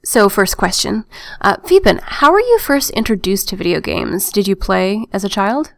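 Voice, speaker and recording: A woman's voice: medium pitch, expressive, normal speed, creaky, no room sound, studio quality. A woman hosting a gaming podcast, introducing an interview in a friendly, explanatory way. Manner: friendly, explanatory, reads steadily. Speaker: podcast host.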